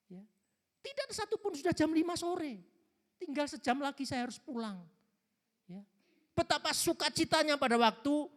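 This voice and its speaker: A man preaching a sermon, telling stories with lively delivery and acting out the voices of the people in them. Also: extremely high pitch, big-room sound. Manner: lively storytelling, acts out quoted voices. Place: church hall.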